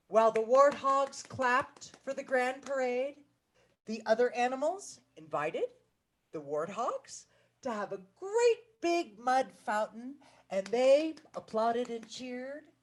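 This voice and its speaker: Animated high-voiced woman storyteller. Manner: animated, dramatic hushes and swells. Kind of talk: children's storytelling.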